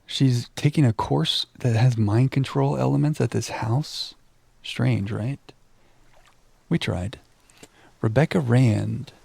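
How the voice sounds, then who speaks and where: Streaming a video game, this man speaks slowly at a medium pitch in a relaxed, slightly creaky voice, recorded dry and close to the mic. He chats casually with his audience, reads text out loud, and makes self-deprecating jokes as host.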